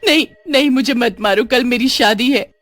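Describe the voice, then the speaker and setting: A woman's voice: a little high, a little fast, faint music behind, close to an everyday voice. Woman playing a panicking young bride. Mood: terrified. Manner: anxious, then screaming in panic.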